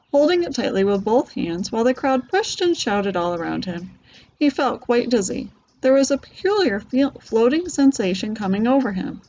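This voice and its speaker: A woman's voice: on the high side, muffled recording. Woman reading a storybook aloud. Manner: lively, voicing characters lightly. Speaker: reader.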